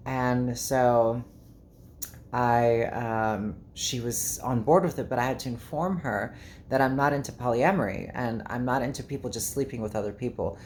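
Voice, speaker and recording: South african accent, casual vlog monologue, candid, rambling, mid-pitched voice. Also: moderate pace, darkish tone, slight background noise. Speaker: vlogger.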